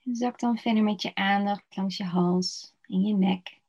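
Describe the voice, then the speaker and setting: Soft-spoken woman guiding a meditation. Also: medium pitch, steady tone, husky. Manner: slow, soft, soothing, with pauses. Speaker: meditation guide. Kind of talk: guided body-scan meditation. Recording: dull lo-fi recording.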